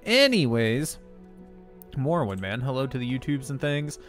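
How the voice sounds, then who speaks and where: Soft music sits faintly behind this gameplay stream, where a man with a mid-range, sing-song voice chats casually with his viewers at a normal speed. He laughs a lot, and his nose is a little congested.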